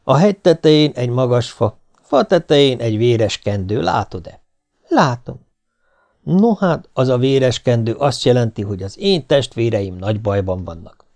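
A man's voice: medium pitch, lively intonation, a little mellow, close to an everyday voice. A man reading a folk tale, voicing a brave young prince in an ardent, declaiming way. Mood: earnest.

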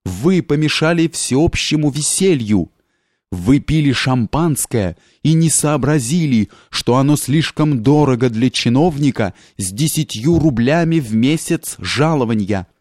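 A man voicing a drunk young journalist who bellows angry accusations in a low, thunderous voice. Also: animated, a little slow, a little mellow, dry recording, clean studio sound. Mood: furious. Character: drunk, sullen young male journalist, furious.

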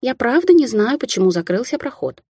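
A sly red-haired young witch, as a woman reads her, light and carefree with a teasing sing-song lilt. Her voice rides noticeably higher and livelier than the reader's own, mellow and a little husky, in a dry close recording. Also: sing-song, fairly quick, dry recording. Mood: playful teasing.

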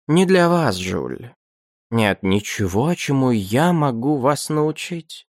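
Smooth, amused schemer voiced by a male reader, slow and lilting, rather high. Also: lively intonation, dry recording, clean studio sound. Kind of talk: audiobook character voice.

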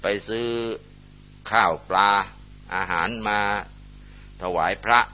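A man voicing a kindly old abbot monk who speaks calmly and softly, on a muffled lo-fi recording. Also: on the low side, takes it slowly.

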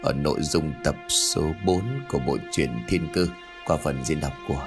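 A man hosting and narrating a ghost story in a lively, dramatic reading style. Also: extremely low pitch, normal speed, over music. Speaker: storyteller and channel host.

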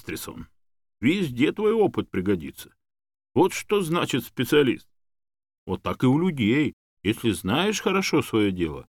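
A man's voice: mid-range voice, no echo, studio quality. A man playing a kindly, proud old academic.

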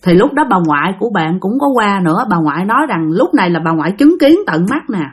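With a Southern Vietnamese accent, a woman spins a ghost story conversationally, addressing listeners directly and using plenty of fillers. She's a fast talker with a husky, sing-song, medium-pitched voice.

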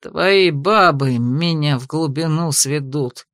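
Woman doing a snide investigator guy, low venomous drawl, dry sound. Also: expressive, measured pace, dry recording. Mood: irritated. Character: sneering male royal investigator, cold and sardonic.

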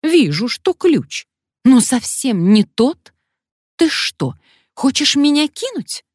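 A woman's voice: on the low side, expressive, takes it slowly, a little mellow, dry recording, studio quality, exaggerated voice. A woman reading an audiobook, voicing an angry, threatening male sponsor who snaps and hisses menace. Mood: menacing. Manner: snapping, menacing.

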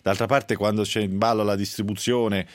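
A man's voice: fairly low pitch, little pitch movement, normal speed, no room sound. A man hosting a radio call-in show, talking in a bantering, teasing way. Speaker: radio host. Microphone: studio microphone.

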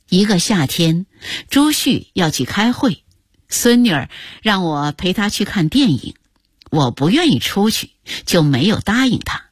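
An older woman narrating her own memories as a radio story, expressive and acting out the scenes. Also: medium pitch, husky, no echo, studio quality.

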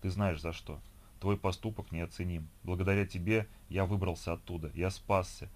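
A man voicing a calm, serene young man speaking softly and gently in an audiobook. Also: low voice, normal speed. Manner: soft, gentle, quiet.

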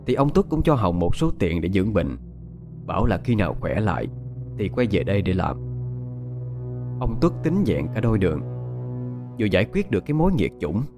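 A man narrating a dramatic folk tale in an expressive storytelling style. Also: on the low side. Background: faint music.

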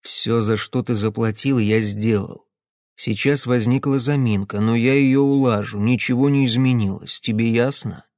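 A man voicing a calm man on the phone whose voice is low and sleepy. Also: normal speed, no room sound, clean studio sound, natural voice.

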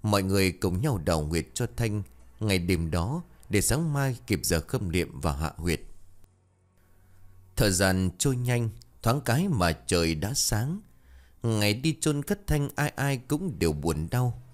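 A man tells a ghost story with a solemn, expressive delivery. His voice is low yet lively, rising and falling with the drama of the tale. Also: measured pace.

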